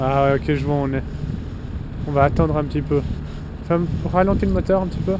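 High-voiced man narrating from a windy sailboat. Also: fast talker. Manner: relaxed running commentary, counting down. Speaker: skipper filming his sailing trip. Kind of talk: casual vlog narration. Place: outdoors on a sailboat deck at sea. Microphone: action camera on the boat. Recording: loud wind noise on the mic. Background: wind and water noise.

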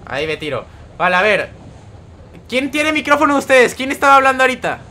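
A young man talks through a live game stream, greeting viewers by name and reading their chat out as he plays. His voice sits high and bright, light and forward. He keeps up a loose, friendly patter. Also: big pitch swings, fast talker. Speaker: gaming streamer.

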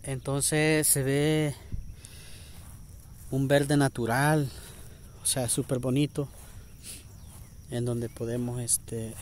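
Male vlog host, very slow casual narration, noisy open-air handheld recording. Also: medium pitch, fairly even intonation. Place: open grassy hillside, outdoors.

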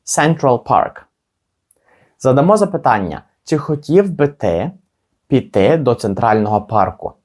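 Lively male teacher. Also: mid-range voice, husky. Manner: slow, drawn-out model phrases between quick explanations. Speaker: English teacher. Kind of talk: language lesson.

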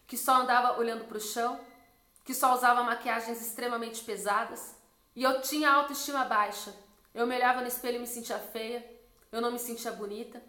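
A woman in her twenties, a missionary, telling her personal testimony in an earnest storytelling way. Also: reverberant. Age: 20s. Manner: earnest storytelling, drops soft and low when quoting God.

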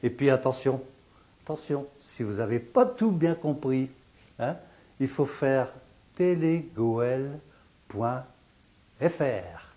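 A man gives a televised dialect lesson at an unhurried, deliberate pace. He explains each word patiently, repeats it, and asks and answers his own questions in a didactic way. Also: mid-range voice, animated, mellow. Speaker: dialect teacher.

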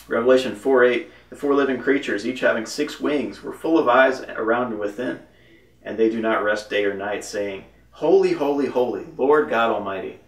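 A man with a medium-pitched voice gives a devotional Bible teaching, reading verses aloud and commenting in emphatic bursts. He is recorded off-mic from a distance, with roomy echo.

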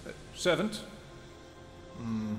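In a scripted audio roleplay, a man voices a protective royal vampire husband, soft-spoken and affectionate with hesitant pauses. His mid-range voice has a sing-song, amused quality, and faint music plays behind him.

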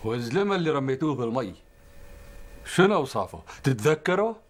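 A man's voice: mid-range voice, sing-song, quick pace, natural voice. A man playing an angry guest. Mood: accusing. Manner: Bedouin speech, angry then laughing. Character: Bedouin man whose cousin was drowned. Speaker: guest listening to the story. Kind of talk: TV comedy sketch acting.

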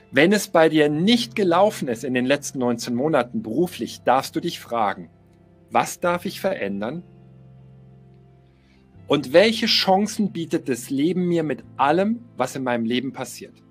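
A middle-aged man coaching his listeners with an emphatic, motivational drive, hammering home key phrases by repeating them. His voice sits slightly high and has a husky, breathy edge. Soft music plays faintly underneath. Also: expressive, a little slow. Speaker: life coach.

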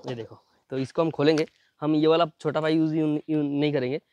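Fast-talking man demoing gadget. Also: on the high side, fairly even intonation, a little mellow. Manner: fast, chatty, repeats "ye dekho" constantly. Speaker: product reviewer. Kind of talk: casual unboxing demo. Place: at home near a building site.

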